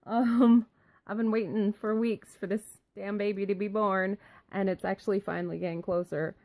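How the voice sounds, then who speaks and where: A woman's voice: medium pitch, little pitch movement, normal speed, darkish tone, dry recording. A young adult woman rambling casually in a vlog, full of ums and likes. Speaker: vlogger.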